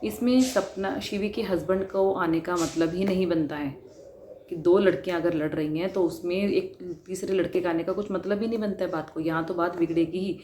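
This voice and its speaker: A woman's voice: fairly low pitch, steady tone, normal speed, warm tone. A woman vlogger giving an earnest, questioning commentary on a dispute. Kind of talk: spoken commentary. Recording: roomy with faint noise.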